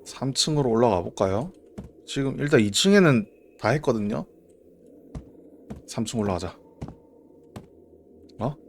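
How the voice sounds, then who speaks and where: A man doing live horror game commentary as a streamer, jumpy and reactive, talking to himself and sometimes shouting. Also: mid-range voice, lively intonation, a little slow, pauses often, slight background noise.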